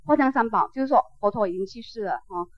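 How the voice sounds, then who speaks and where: Woman teaching Buddhism, fairly high voice, chatty, filler sounds, checks in with listeners, dull dry sound. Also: lively intonation, quick pace. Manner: conversational, with frequent "ah" fillers and check-ins.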